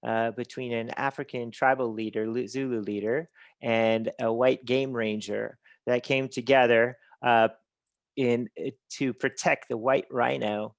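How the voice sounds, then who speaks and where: Man presenter on a video call, even and monotone, lots of ums, dry close sound. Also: medium pitch, creaky, dry recording. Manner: halting, many fillers and restarts. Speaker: conference presenter. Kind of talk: online webinar presentation.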